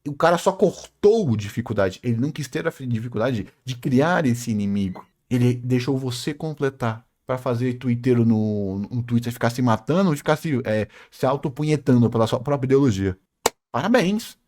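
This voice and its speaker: A man's voice: mid-range voice, normal speed, hardly any pauses, darkish tone. A man reacting to a video in a heated critical rant, sarcastic and emphatic, with lots of swearing.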